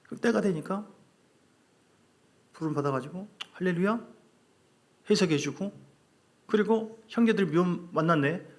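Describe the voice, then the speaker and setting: Animated pastor. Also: male voice, sits high, a little slow, long pauses. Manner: animated, acts out quarrels in a loud put-on voice; conversational, asks the congregation questions. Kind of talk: sermon.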